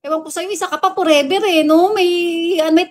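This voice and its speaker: Feisty high-voiced woman livestreamer. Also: brisk, a little hiss or hum. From Philippines. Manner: blunt and feisty, scolds commenters, laughs often. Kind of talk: casual livestream chat reading viewer comments. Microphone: phone livestream mic.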